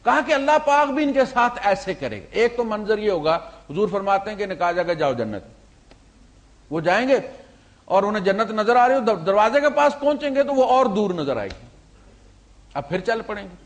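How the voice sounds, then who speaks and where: High-voiced man preaching in animated story. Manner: animated storyteller, swinging between loud emphasis and quiet asides; sprinkles English words into his talk. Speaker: Islamic preacher. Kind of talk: storytelling sermon.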